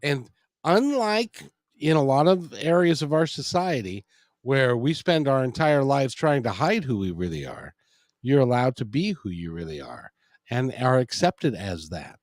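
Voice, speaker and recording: A man's voice: mid-range voice, big pitch swings, unhurried, no room sound, studio quality. A man hosting a casual interview, earnest, often repeating words as he starts a thought. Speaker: interview host.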